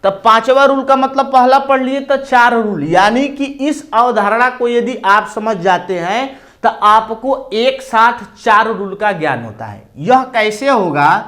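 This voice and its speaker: With an expressive, slightly bright and very high voice, a man carrying an eastern Uttar Pradesh accent leads a classroom Hindi grammar lesson. He goes slowly and stepwise, frequently answering the questions he raises.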